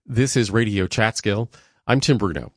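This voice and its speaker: A man's voice: on the low side, animated, moderate pace, dry recording, studio quality. A man with an American accent hosting local radio, reading scripted introductions and asking interview questions.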